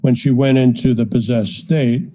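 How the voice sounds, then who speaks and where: An older man, a psychiatrist guest on a podcast, telling a story in a measured way with frequent fillers. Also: medium pitch, fairly even intonation, warm tone. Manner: measured, anecdotal, frequent "you know" fillers. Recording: dull lo-fi podcast audio.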